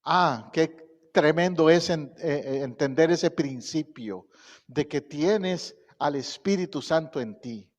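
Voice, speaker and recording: A middle-aged pastor delivers his sermon at a slow, deliberate pace, swelling into emphatic recitations of scripture. His voice sits a little high for a man, and it carries a long reverb from the church hall around him. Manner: slow, deliberate pacing with pauses. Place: church sanctuary.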